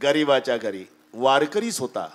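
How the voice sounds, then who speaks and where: A man's voice: medium pitch, sing-song, moderate pace. A man preaching a devotional kirtan sermon, telling stories dramatically and acting out voices. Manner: dramatic storytelling with acted voices.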